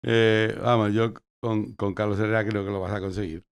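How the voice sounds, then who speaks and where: A man's voice: lowish voice, little pitch movement, moderate pace, smooth. A man from Spain, a journalist and filmmaker, chatting as a guest in a playful, joking way and often repeating himself. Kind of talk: casual conversational interview.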